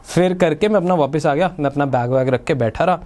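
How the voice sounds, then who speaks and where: Young man, Delhi Hindi accent, podcast host, casual storytelling, slightly high voice, acts out quoted voices. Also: a little fast, darkish tone.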